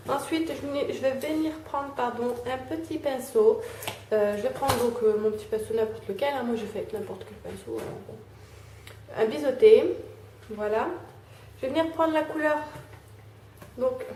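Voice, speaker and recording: A young woman talking through a casual makeup tutorial, filling pauses with "euh" and "hein" as she applies makeup. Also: on the high side, darkish tone. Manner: chatty, fills with "euh" and "hein", talks while applying makeup. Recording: echoey room, faint background noise.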